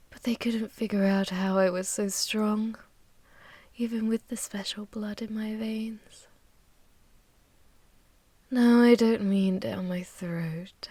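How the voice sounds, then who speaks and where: Close to the mic in an intimate ASMR roleplay monologue, a woman voices an ancient, possessive vampire mistress who is ruthless yet seductive. Her medium-pitched voice is soft and breathy, often sinking to a whisper as she teases slowly in a haughty, commanding way, and there's no echo.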